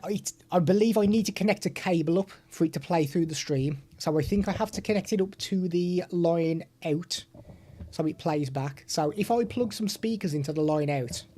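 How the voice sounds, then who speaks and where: A British man hosting a live stream talks viewers through a product demo step by step in a chatty way, pausing between explanations to chat with them. His mellow, soft-edged voice is a little high and slightly rough.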